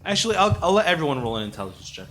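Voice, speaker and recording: A man's voice: a little high, very animated, racing. A man running a tabletop game as game master, narrating casually with frequent fillers and restarts. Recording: noisy home recording.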